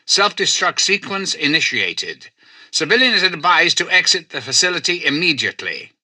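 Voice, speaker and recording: A male actor playing a self-styled president in a video game, a calculating artificial intelligence who speaks in formal, measured, persuasive oratory. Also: on the high side, very animated, pushed and bright, husky, dry recording, full character voice. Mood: formal announcement. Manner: grandiose, measured, courteous, persuasive. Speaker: president addressing personnel and listeners.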